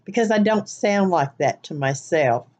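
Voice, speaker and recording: Expressive and at a moderate pace, an older woman with a fairly low, darkish voice chats casually to her webcam from her living room couch, rambling a bit. She's a Midwestern vlogger making an accent tag video, and her accent mixes Southern US with a nasal Wisconsin twang.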